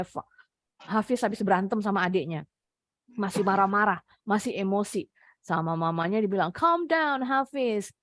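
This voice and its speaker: A young Indonesian woman teaches an online English class to children over a video call on a computer mic, drilling words repeatedly and slowly while coaxing the pupils. Her mid-range voice is fairly bright, and the recording is dry.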